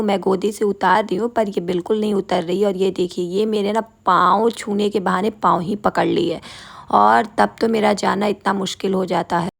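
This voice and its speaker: A woman's voice: mid-range voice, vocal fry. A woman teacher giving a chatty, fond voice-over narration for her vlog about the children she teaches.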